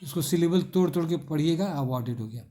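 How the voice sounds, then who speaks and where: A man's voice: fairly high pitch, animated, quick pace, dark tone. A middle-aged male teacher, explaining an English textbook exercise and patiently spelling words out letter by letter.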